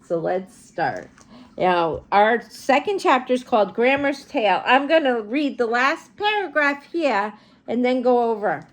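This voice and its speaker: A woman reads a children's storybook aloud with animation, pausing for chatty asides to her young listeners. Her pitch is fairly high and she takes her time.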